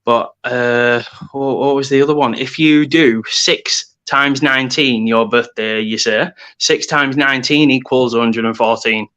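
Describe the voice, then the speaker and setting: A man in his thirties in casual chat, rambling excitedly about number connections. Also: medium pitch, measured pace, few pauses, low-quality recording. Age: 30s.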